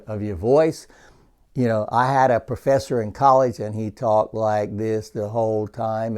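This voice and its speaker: A man's voice: mid-range voice, darkish tone. A man, an associate pastor, teaching church leaders about volunteers in a conversational way, repeating points for emphasis.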